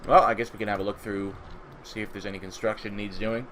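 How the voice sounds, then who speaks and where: A man casually commentating a strategy game at home, relaxed and rambling, thinking aloud, a bit sleepy. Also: fairly low pitch, fast talker, a little hiss or hum. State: sleepy, just woke up. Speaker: gaming channel host. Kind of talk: casual let's-play commentary.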